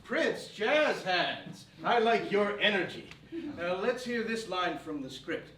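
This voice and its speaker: A man's voice: sits high, sing-song, slow pace, a little hiss or hum, heavily acted. An actor playing a fussy male film studio boss in a live stage sketch comedy, theatrical and stammering when flustered. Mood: bemused. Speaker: studio head narrating the story of his film. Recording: distant stage mic, echoey hall, loud audience laughter.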